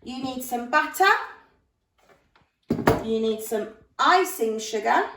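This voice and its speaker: A woman's voice: fairly high pitch, expressive, takes it slowly, background noise. A woman speaking as a primary school teacher, giving step-by-step cooking instructions to young children in simple, encouraging language with exaggerated emphasis.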